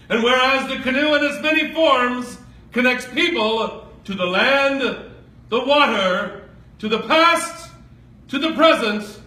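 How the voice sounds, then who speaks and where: A man declaiming a proclamation as a town crier, formal and ceremonial, projecting each phrase deliberately. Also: very high voice, sharp tone. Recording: echoey, picked up from a distance.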